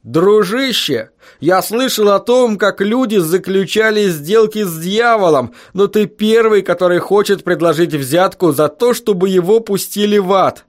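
A man voicing a big, sunburnt, jeering male road foreman in an audiobook, talking in a loud, laughing, mocking way. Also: high-pitched, a little slow, hardly any pauses, pitched above the performer's own voice. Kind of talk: audiobook character voice.

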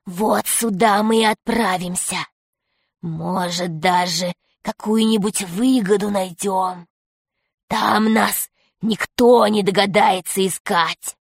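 A woman reading a storybook aloud, voicing a sly male alien pirate who looks like a rat and speaks in a hushed, hissing, secretive way. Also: mid-range voice, steady tone, slow pace, vocal fry, dry recording, studio quality.

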